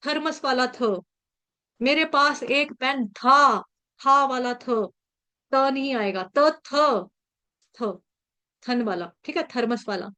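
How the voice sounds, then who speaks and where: A woman with a high, light voice leads an online scripture class over a video call. She walks through pronunciation one syllable at a time, patient and repetitive, often checking that her listeners are following. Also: fairly bright tone. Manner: patient, repeats points and checks in with "ठीक है".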